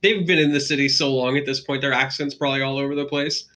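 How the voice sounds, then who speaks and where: Bright-voiced playful male player. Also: mid-range voice, fairly even intonation, fast talker. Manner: playful, theatrical. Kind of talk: playing a tabletop game, casual chat.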